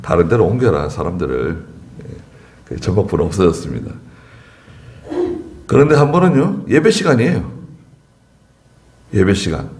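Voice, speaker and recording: Lively, low-voiced male pastor preaching. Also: moderate pace, pauses often, slight background noise. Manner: anecdotal storytelling, chuckling asides. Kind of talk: sermon. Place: church.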